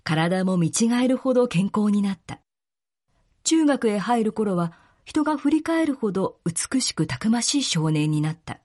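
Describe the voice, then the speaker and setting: A woman narrating a literary story in a calm, measured reading. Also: mid-range voice.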